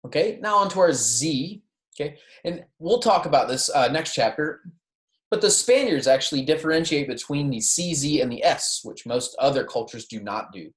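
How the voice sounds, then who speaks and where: Recorded in a roomy, echoing space, this Spanish teacher delivers a beginners' pronunciation lecture at a moderate pace, her mid-pitched voice very animated. She goes step by step, has students repeat examples, and often checks in with "okay" and "right."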